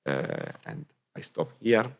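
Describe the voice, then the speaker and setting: A man presenting at a conference session, hesitant and full of fillers. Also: takes it slowly. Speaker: conference speaker. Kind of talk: presentation talk.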